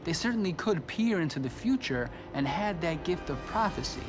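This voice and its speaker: A man's voice: on the high side, lively intonation, moderate pace. A man giving explanatory, storytelling commentary as a documentary interviewee. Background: music.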